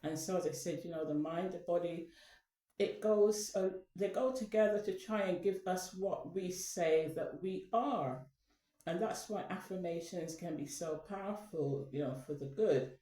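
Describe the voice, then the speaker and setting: In a casual talk to her viewers, a channel host rambles with plenty of fillers and restarts. Her voice is fairly low, unhurried and mellow, picked up from a distance in an echoey room.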